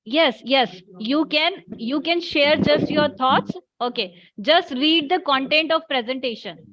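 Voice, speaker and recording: A woman's voice: high-pitched, a little slow, a bit bright, a little hiss or hum. A woman hosting an online panel, polite and encouraging with many fillers, over a video call. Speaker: event host. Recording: dull lo-fi call audio.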